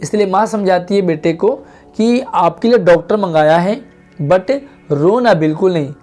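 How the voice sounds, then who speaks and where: A man's voice: high voice, measured pace, darkish tone, faint music behind. A man teaching a Hindi lesson to schoolchildren, patiently reading lines of a play aloud and then explaining them.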